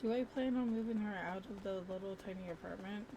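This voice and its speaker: A woman's voice: mid-range voice, fast, muffled recording, slight background noise. A woman telling a roleplay character's story in a casual, rambling, informal way while gaming. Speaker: game streamer narrating roleplay character's story.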